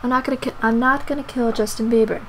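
A young woman giving casual, jokey commentary while she plays a video game, swinging from low mutters to sudden yelps. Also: steady tone, quick pace, a little hiss or hum, low-quality recording. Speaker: let's play gamer.

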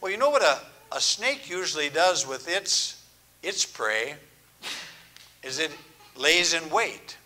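Older man, preaching a sermon, very slow delivery, bright tone, earnest and measured. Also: a little high, big pitch swings. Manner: earnest, measured, drawn-out phrasing with soft, hushed endings. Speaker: pastor. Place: church.

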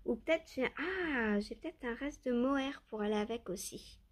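Surrounded by her yarn stash at home, a woman who vlogs about knitting picks out yarns and talks casually to her audience on a handheld phone. Her slightly high voice is animated and moves at a moderate pace, while her thinking-aloud delivery stays hesitant, with lots of fillers and self-directed questions.

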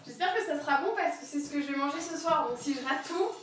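A woman's voice: sits high, animated, fast, background noise. A young woman chatting casually and giggling as she cooks live in her home kitchen, rambling through asides, picked up by a camera set across the room. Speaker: streamer cooking live. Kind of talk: casual live-stream chat while cooking. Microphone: camera on a wobbly tripod across the kitchen. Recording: very echoey kitchen, voice far from the mic.

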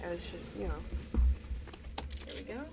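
A woman's voice: lowish voice, normal speed, music in the background. Chatty woman narrating her gameplay. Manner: rambling, chatty, talks to viewers between plays. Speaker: gaming video creator. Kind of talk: gameplay commentary.

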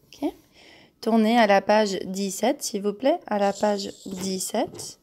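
A woman teacher giving a slow, patient homework lesson to young children, repeating each word several times. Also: medium pitch, mellow. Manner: patient, repeats words and syllables, claps.

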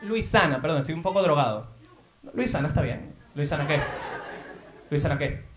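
A man's voice: fairly high pitch, lively intonation, moderate pace, roomy sound, noisy background. A man with a Venezuelan accent doing playful, teasing crowd work on a theater stage. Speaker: stand-up comedian. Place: theater in Madrid.

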